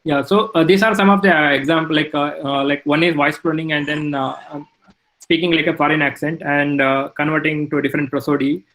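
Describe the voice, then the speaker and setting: A male lecturer giving a technical talk, halting with many fillers. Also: a little high, steady tone, fairly bright tone, poor audio.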